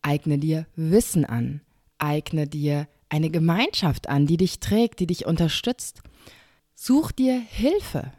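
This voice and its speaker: A woman's voice: low-pitched, takes it slowly, no echo, clean studio sound. A woman hosting a podcast, talking straight to the listener in a reassuring, encouraging way. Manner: warm, reassuring direct address. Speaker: podcast host. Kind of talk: encouraging self-help talk.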